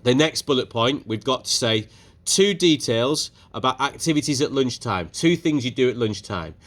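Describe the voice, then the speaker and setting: A man teaching a French speaking lesson to his class, brisk and encouraging, putting questions to the pupils. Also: mid-range voice, lively intonation. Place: school classroom.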